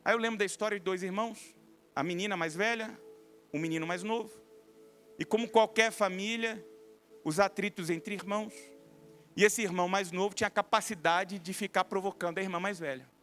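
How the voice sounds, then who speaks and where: Brief: male pastor, 30s, Brazilian accent, animated sermon storytelling, high ringing voice. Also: a little fast, soft background music. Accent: Brazilian Portuguese.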